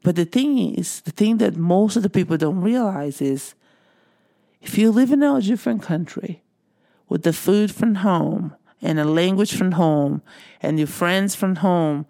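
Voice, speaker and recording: A middle-aged Brazilian woman with a Brazilian Portuguese accent gives an earnest, encouraging monologue to viewers as a motivational speaker, repeating phrases for emphasis. Her voice is lowish and dark-toned, with vocal fry.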